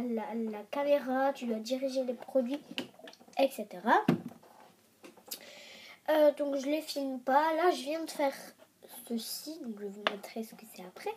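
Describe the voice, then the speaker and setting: A woman's voice: on the high side, darkish tone, slightly rough. A young woman chatting casually in a beauty vlog, her voice nasal and stuffed up from a cold. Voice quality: nasal, congested with a blocked nose from a cold. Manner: chatty, informal, self-deprecating. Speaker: beauty vlogger. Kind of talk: casual chatty vlog, showing homemade makeup.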